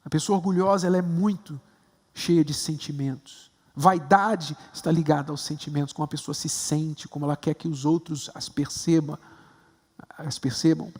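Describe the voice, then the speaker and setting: Emphatic Brazilian preacher man, high voice. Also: steady tone, moderate pace, a little mellow, in a large hall. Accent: Brazilian Portuguese. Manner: emphatic, rising to stressed high points. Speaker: bishop. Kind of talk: sermon. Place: large temple hall.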